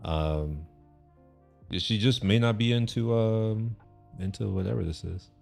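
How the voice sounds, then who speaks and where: A young male streamer from Texas, USA, chats casually on a livestream in a lowish, unhurried, creaky, slightly mellow voice. He rambles loosely, restarting sentences and swearing offhandedly, with soft music in the background.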